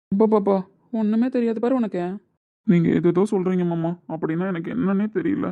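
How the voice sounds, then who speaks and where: A man playing the quarrelling men of a family in a skit, from a mock-innocent young husband to his scolding older brothers-in-law. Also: high-pitched. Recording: dull lo-fi recording.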